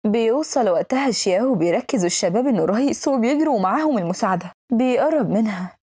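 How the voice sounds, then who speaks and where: Young egyptian woman rattling off a drama recap, wry, mellow husky voice. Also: fairly high pitch, lively intonation. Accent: Egyptian Arabic. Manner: brisk, chatty and wry. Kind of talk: fast casual story recap narration.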